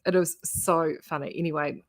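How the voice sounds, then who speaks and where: A woman with a broad New Zealand accent hosts a craft vlog, chatting casually to live viewers in a rambling, self-interrupting way. Her voice is deep, with fairly even intonation and a moderate pace. She's a knitting vlogger who also runs a yarn shop.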